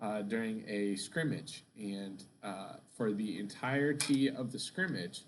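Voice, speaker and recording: A young man in a casual chat, joking and telling a lively story. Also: fairly low pitch, measured pace, a little hiss or hum. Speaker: co-host getting makeup done.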